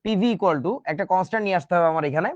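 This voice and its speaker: A man's voice: high-pitched, racing, no echo, muffled recording. A man teaching a chemistry class in a casual, joking way, with speech. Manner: chatty, joking asides to students. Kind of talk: casual online class lecture.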